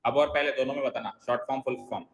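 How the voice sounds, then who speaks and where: A man's voice: mid-range voice, steady tone, racing. A man teaching an English grammar class, quizzing students by name and coaxing them to listen closely. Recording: echoey roomy sound.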